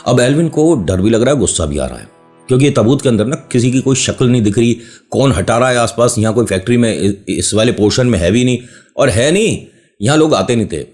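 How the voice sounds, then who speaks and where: Over soft background music, a male storyteller host with a mid-range, darkish voice speaks in an animated, fairly quick way. He tells a horror story casually, interrupting himself often to joke with listeners and drift into playful digressions.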